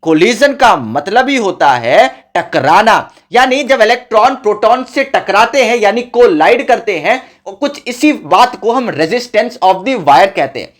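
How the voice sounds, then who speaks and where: A man's voice: sits high, lively intonation, a little slow, hardly any pauses. A man teaching a school physics lesson in a casual, chatty way, talking to his students like friends and mixing in English terms. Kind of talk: casual classroom explanation.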